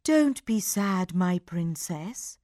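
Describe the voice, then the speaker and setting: A woman voicing a kind, calm young hero in a storybook read-aloud, speaking softly and a little lower than her own voice. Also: slow, no room sound, clean studio sound. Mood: gentle.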